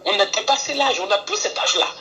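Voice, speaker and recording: A woman calling in to a live stream, talking earnestly and pleading for calm. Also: medium pitch, fast talker, poor audio. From France. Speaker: caller. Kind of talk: phone call on a live stream.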